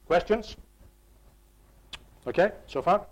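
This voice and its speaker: In a live workshop for staff, a man presents on designing online courses, often restarting and repeating words as he explains. He speaks slowly and expressively in a voice that sits high, and he checks in with the audience by asking them questions directly.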